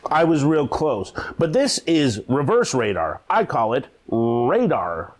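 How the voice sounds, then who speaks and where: An actor playing a rambling, hesitant male huckster who sells ghost-hunting gadgets, speaking in a deadpan mockumentary interview. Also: a little high, unhurried. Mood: earnest. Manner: rambling, hesitant, full of uh's. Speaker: paranormal gadget seller being interviewed.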